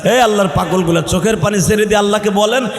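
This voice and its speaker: A man's voice: sits high, fast talker. A male Islamic preacher from Bangladesh, giving a chanted sermon, half-singing and calling out passionately to the crowd. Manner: impassioned, half-sung, calls out to the crowd. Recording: echoey hall with faint music.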